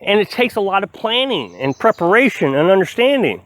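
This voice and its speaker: With a high, sing-song voice and a fairly quick pace, a middle-aged man vlogs on his homestead while splitting firewood. He is casual, earnest, rambling and self-reflective, captured in a dry recording.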